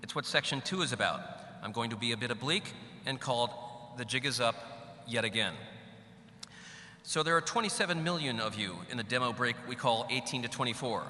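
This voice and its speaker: A man's voice: medium pitch, fairly quick, sharp tone. A middle-aged man giving a graduation speech at a podium microphone, with a wry, joking manner and a big hall echo around his voice. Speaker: commencement speaker. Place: large hall. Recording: echoey large hall, faint hum.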